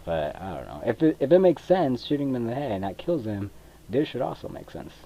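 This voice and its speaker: Recording on a cheap computer mic, a young gaming video creator from Mexico chats over his play in a rambling, hesitant way packed with fillers. His medium-pitched voice is sing-song, brisk and mellow with vocal fry; the sound is lo-fi, with slight background noise and controller clicks.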